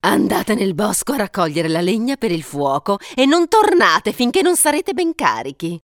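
A woman's voice: mid-range voice, very animated, normal speed, no room sound, clean studio sound. A woman voicing a cruel, greedy stepmother in a fairy tale, scolding the children. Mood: scornful.

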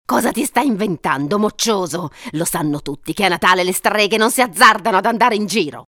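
A woman's voice: medium pitch, a little fast, fairly bright tone, no echo, studio quality, lightly acted. A woman voicing a cruel, greedy stepmother in a fairy tale, scolding the children. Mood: scornful.

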